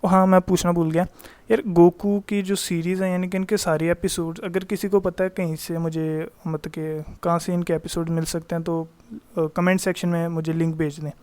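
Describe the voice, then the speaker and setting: A man teaching a grammar lesson in a voice-over, explaining in Hindi mixed with English terms, reading the English examples slowly and answering his own questions in a chatty way. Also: a little high, little pitch movement, darkish tone. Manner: reads English example sentences slowly and deliberately.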